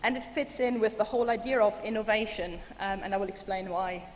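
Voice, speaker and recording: Speaking a little fast in a mid-range voice, a keynote speaker from Germany chats eagerly with her audience, dropping many ums. Reverb from the large conference hall and faint room noise are audible.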